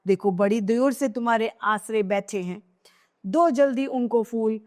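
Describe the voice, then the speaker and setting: A woman's voice: fairly high pitch, measured pace, long reverb tail, lightly acted. Woman reading as a wailing grieving queen mother. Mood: grief-stricken. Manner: wailing lament, cries of hai.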